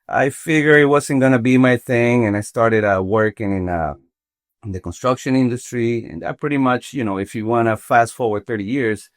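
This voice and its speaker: Casual interview talk from a podcast studio: a contractor from Venezuela in his forties thinks aloud as a guest, halting and thoughtful, restarting often. He has a mid-range voice, with clean studio sound and no room sound.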